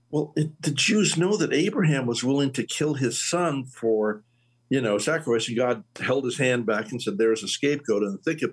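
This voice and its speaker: A husky-voiced man in his late sixties hosts a relaxed conversation about faith. He tells stories at an easy, chatty pace, his pitch leaping suddenly now and then.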